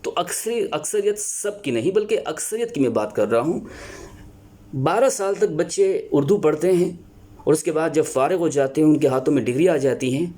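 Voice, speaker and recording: A man lecturing as a teacher, earnest and explanatory, pausing often to find his words. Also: a little high, warm tone. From Pakistan. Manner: earnest, explanatory, with many filler pauses and restarts. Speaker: Urdu teacher. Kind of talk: spoken lecture on teaching Urdu.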